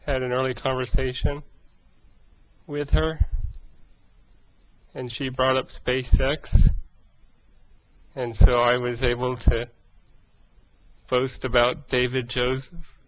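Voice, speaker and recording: A man records a casual video diary update in a slow, halting voice. He is short of breath and breaks sentences into small pieces, with very little melody. The sound is dull and lo-fi. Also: mid-range voice, level tone, fairly bright tone. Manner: halting, speaking in short broken phrases. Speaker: vlogger.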